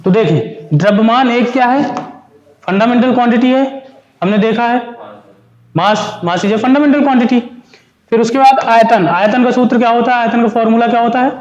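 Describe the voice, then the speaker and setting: A man's voice: very high voice, moderate pace, darkish tone, roomy sound, muffled recording. A male physics teacher giving a classroom lecture, explaining step by step, asking and answering his own questions, mixing Hindi and English terms.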